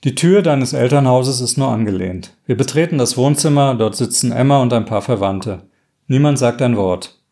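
A man reading a first-person story aloud in a calm, measured way, now and then correcting himself mid-sentence. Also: medium pitch. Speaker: story reader.

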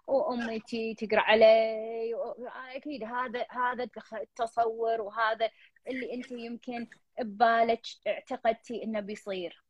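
A woman's voice: on the high side, no room sound. A woman host with a Gulf Arabic accent counseling a caller in earnest, repetitive talk, slipping English fillers in. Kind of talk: counseling call-in chat. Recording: dull lo-fi dry sound.

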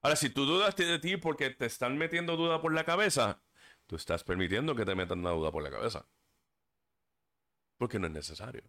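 This podcast host talks alone at a desk mic, earnest and a bit preachy, tripping over words at times and slipping into English filler words. He has a mid-range voice, a little fast, with a bright, forceful tone. The talk is casual.

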